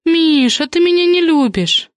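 A woman's voice: very high voice, animated, measured pace, no echo, studio quality, pitched above the performer's own voice. A woman voicing a capricious young sister who hosts a family party, in an audiobook reading. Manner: capricious, pouting. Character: coy young female sister hosting a party.

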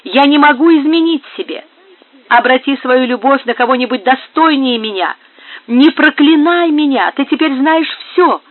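A man's voice: extremely high pitch, lively intonation, moderate pace, long pauses. A man voicing a pleading young woman. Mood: desperate. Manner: pleading, emotional. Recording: narrow phone-like sound.

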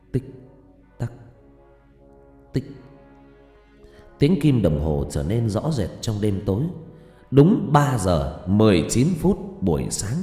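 A man narrating a suspenseful story as an audiobook reader. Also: on the low side. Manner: suspenseful, expressive reading. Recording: echoey room with long reverb and faint music.

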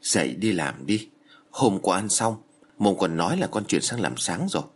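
A man's voice: low voice, sing-song, slightly rough, heavily acted. A man voicing a middle-aged mother who scolds her grown child in a horror story reading. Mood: scolding. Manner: scolding, brisk nagging.

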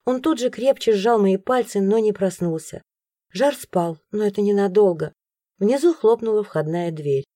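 A woman narrating a first-person audiobook in an expressive storytelling manner. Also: medium pitch, moderate pace, no room sound, studio quality.

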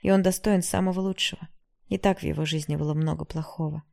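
A woman voicing a forgiving middle-aged mother who speaks softly and tiredly in an audiobook. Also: deep voice, steady tone, fast, creaky. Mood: weary. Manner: soft, tired, soothing.

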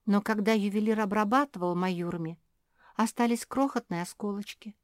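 A woman's voice: medium pitch, moderate pace, dry recording, studio quality, natural voice. A woman reading aloud and voicing a thoughtful, reasoning pug sister. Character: thoughtful sensible eldest female pug.

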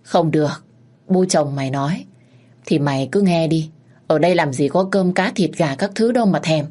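A woman's voice: low voice, normal speed, mellow. A woman voicing a stern, poor old peasant father who scolds his daughter. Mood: harsh.

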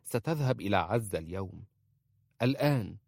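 A man voicing a passionate, remorseful young princess who speaks softly and pleads. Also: fairly low pitch, expressive, normal speed, vocal fry, dry recording, studio quality. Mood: pleading. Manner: pleading, soft-spoken.

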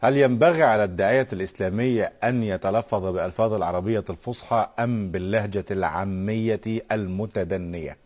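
Fast-talking deferential male interviewer. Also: on the low side, darkish tone. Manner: polite, deferential, with short affirmations. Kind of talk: formal interview questions.

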